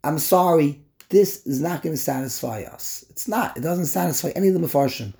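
A man teaches a text class with animated energy. He often repeats words as he builds a point, and his fairly high voice stays warm and mellow throughout. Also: a little fast, gravelly. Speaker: Torah teacher. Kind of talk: lecture on a text.

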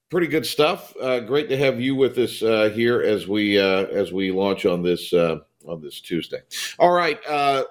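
An American man hosting a sports radio show in a casual, chatty, blunt and teasing way. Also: mid-range voice. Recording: studio broadcast, faint music behind. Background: music.

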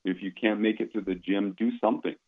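A man in his fifties talks through his products in an easygoing, explanatory way, often restarting his words. His voice sits very low. The sound comes through a thin, phone-like line. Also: fairly even intonation, fast talker. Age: 50s. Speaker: company founder talking about supplements. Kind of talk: casual interview talk.

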